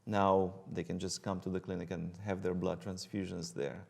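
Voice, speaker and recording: A man's voice: sits low, little pitch movement, normal speed, vocal fry. A middle-aged man from Romania, speaking with a Romanian accent, a guest physician explaining his work with frequent ums and uhs. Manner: hesitant, many ums and uhs.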